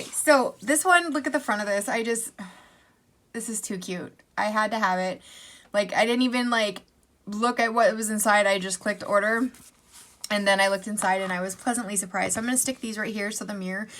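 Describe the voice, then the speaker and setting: A woman's voice: medium pitch, normal speed, fairly bright tone. A woman beauty vlogger giving a chatty makeup tutorial in a gushing, bubbly way with casual asides.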